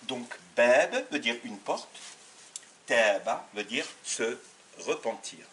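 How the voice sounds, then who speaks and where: A man teaching a beginners' language lesson, patient and methodical, repeating sounds slowly and correcting himself as he goes. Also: medium pitch, expressive, a bit bright, distant mic, slight background noise. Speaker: Arabic teacher. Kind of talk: step-by-step lesson for learners.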